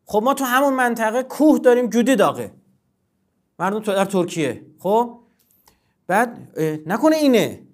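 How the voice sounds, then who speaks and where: Brief: man with a high speaking voice, formal and insistent guest scholar. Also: sing-song. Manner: formal, emphatic, lecturing, with many repetitions. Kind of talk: religious studies discussion.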